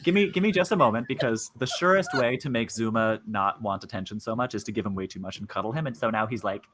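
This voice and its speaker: A man's voice: lowish voice, quick pace, a bit bright. A man running a tabletop horror game as game master, chatty, with lots of fillers and frequent laughter.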